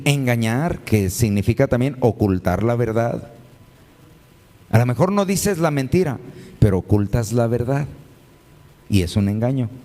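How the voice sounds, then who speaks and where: Male pastor preaching, keeps throwing questions at the crowd, mid-pitched voice, long echo off a big church hall. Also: warm tone. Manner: preaches with frequent rhetorical questions to the congregation; addresses listeners as brothers and sisters. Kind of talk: sermon.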